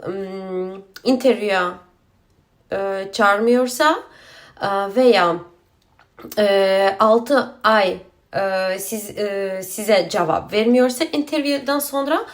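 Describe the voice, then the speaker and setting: Slow, halting woman with Azerbaijani-accented broken Turkish. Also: mid-range voice. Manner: halting broken Turkish of a non-native speaker, mixed with Azerbaijani. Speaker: video host explaining asylum procedure. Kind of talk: informal explainer, question and answer.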